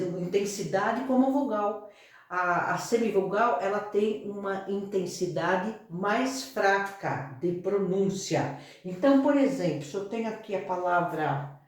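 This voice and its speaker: A Brazilian woman teaching a grammar lesson, explaining slowly, repeating herself and often checking that the class follows. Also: mid-range voice, a little mellow. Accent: Brazilian Portuguese. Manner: explains slowly with frequent check-ins and repetition. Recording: echoey room, voice far from mic.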